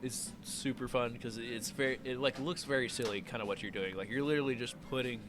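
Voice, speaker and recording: A man's voice: mid-range voice, fairly even intonation, a little fast. A man, a brewer guest on a podcast, talking casually and hesitantly with lots of "like" and "um". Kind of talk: casual chat. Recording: music clearly in the background.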